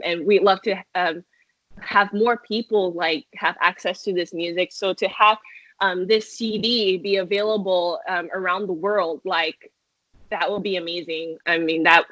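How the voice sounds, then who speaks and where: A young woman from Malaysia, singer in a metal band, talks in a lowish, steady, slightly bright voice and a little slowly. Her interview answers are chatty, full of fillers and restarts, with plenty of laughter, captured in a dry, dull lo-fi recording.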